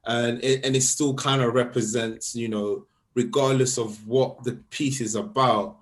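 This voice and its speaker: A young man from Sweden, a guest artist talking about his work in a casual interview, halting and repeating words as he explains. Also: mid-range voice.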